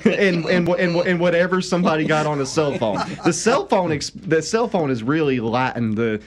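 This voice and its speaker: A young man hosting a casual podcast chat, animated and quick to laugh, with lots of fillers and restarts. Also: a little high, a crowd in the background. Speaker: podcast host.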